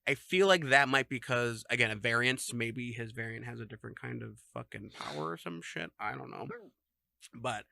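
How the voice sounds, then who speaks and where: A man's voice: mid-range voice, normal speed, vocal fry, pushed and bright, no echo, studio quality. A man co-hosting a casual podcast, rambling with lots of fillers and laughing often. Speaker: podcast co-host. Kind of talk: casual chat.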